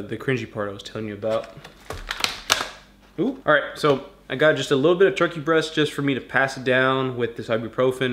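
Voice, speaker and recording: Young male vlogger, chatty and rambling, faint braces lisp, average pitch. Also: heavy background noise. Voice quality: slight lisp from new braces. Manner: chatty, rambling, talks while chewing. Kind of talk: casual vlog chat.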